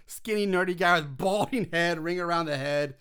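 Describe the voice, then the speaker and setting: A man's voice: fairly high pitch, normal speed, fairly bright tone, clear, resonant tone. A man co-hosting a casual podcast, recapping a movie scene by scene, chatty and swearing, with frequent laughs.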